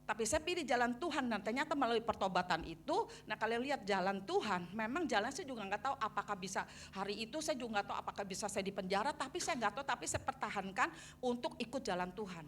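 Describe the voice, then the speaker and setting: A middle-aged woman preaches a personal testimony, her voice sitting a little high. She tells the story with lively animation, acting out her old conversations and turning often to address the congregation directly. A faint hum runs beneath the recording. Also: quick pace. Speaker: pastor. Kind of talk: sermon testimony.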